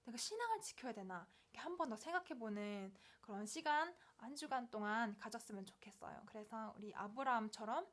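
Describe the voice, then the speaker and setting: A woman giving a children's sermon, gently telling a story, asking the kids questions and acting out voices. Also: fairly high pitch, animated, fairly quick, few pauses. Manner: acts out quoted voices in the story. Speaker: children's ministry preacher.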